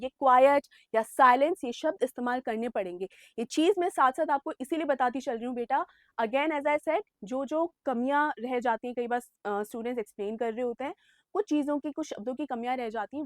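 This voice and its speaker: A young woman teaches an English chapter to exam students in a high voice, recorded dry and close. She mixes English phrases into her explanation and calls the students "beta". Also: a bit bright, dry recording. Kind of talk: online exam-prep lesson.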